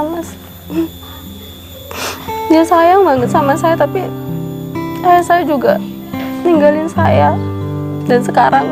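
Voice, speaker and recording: An actress playing a sorrowful, meek young woman who ran from a cruel stepmother. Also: high voice. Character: sad young woman fleeing her stepmother. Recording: guitar music behind the voice.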